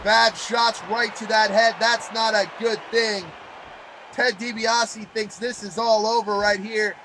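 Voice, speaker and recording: A man calling play-by-play as a wrestling commentator, excitable and exclamatory in his delivery. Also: high-pitched, slow, noisy background.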